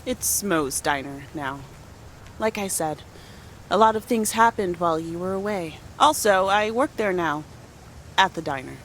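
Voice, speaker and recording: A woman's voice: fairly low pitch, animated, unhurried, fairly bright tone, slight background noise. An actress playing a wry, busy small-town mother in her forties in a video game, with a curt, sarcastic way of talking.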